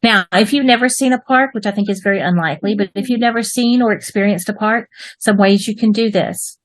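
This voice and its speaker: A woman with a Texan accent, from Texas in the United States, teaches an online writing class to children over a video call. Her medium-pitched voice moves fairly quickly with no echo, and she stays upbeat and encouraging before signing off with folksy rhyming goodbyes.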